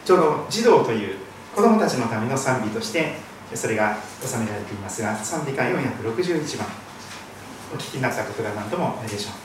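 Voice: medium pitch, big pitch swings, fairly quick, noisy background. A pastor from Shikoku giving an earnest, emphatic sermon in a church. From Shikoku, Japan. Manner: earnest, emphatic preaching with hymn singing. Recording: very echoey hall, voice from a distance.

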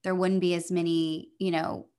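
A woman's voice: lowish voice, little pitch movement, normal speed, dark tone, clean tone. A woman in her thirties co-hosting a podcast, chatting casually, laughing often and trailing off with fillers. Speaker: podcast co-host. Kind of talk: casual chat.

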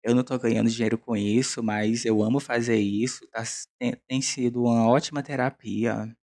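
A Brazilian man with a hoarse smoker's rasp, hosting a solo podcast in a casual, rambling, self-deprecating, confessional way. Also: medium pitch, steady tone, moderate pace, a little mellow. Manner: self-deprecating, chatty, digressive.

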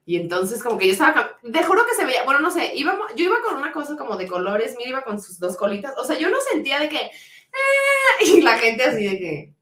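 A woman with a Mexican accent, co-hosting a podcast and telling a story in an animated, slangy way. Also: a little high, quick pace, few pauses, roomy sound. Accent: Mexican Spanish. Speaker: podcast co-host. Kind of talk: casual chat.

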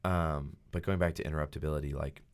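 A man's voice: rumbling low, steady tone, fast. A man hosting a podcast, talking casually about faith with many fillers and acting out quotes in a raised voice. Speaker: podcast host.

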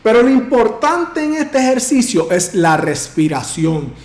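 High, projecting man in a roomy space. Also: sing-song. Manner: projected, emphatic delivery with big deliberate pitch swings. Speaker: public speaking coach. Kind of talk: instructional talk to camera. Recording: roomy echo.

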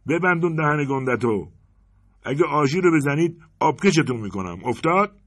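A man voicing a gruff, menacing bank robber who barks threats in a raised, higher voice. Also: expressive, no echo, clean studio sound, heavily acted. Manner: shouted threats.

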